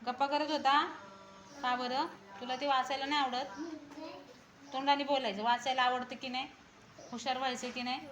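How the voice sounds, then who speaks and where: A woman's voice: high voice, flat delivery, normal speed, long pauses, fairly bright tone. A woman schoolteacher questioning young pupils in class, coaxing them and repeating her questions, telling them to speak up. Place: school classroom full of children. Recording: noisy classroom ambience.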